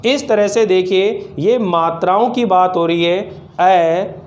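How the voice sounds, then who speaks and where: A man's voice: high voice, a little slow. A man teaching Hindi grammar to students with a Rajasthani Hindi accent, patiently repeating each point as a question and answer and sounding out each vowel one by one. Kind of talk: classroom lesson to students.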